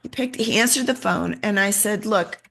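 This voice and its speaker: A middle-aged woman shares a personal story in an interview. She talks in an animated way, taking on the voices of the people she quotes as she goes. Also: mid-range voice, normal speed, gravelly. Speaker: interview guest.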